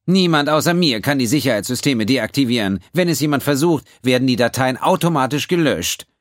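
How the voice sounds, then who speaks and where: Amnoi, a man voicing a shrill, haughty alien accountant. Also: lively intonation, a little fast, dry recording, studio quality, lightly acted. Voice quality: shrill, piercing. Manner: haughty, precise, lecturing. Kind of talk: audiobook character voice.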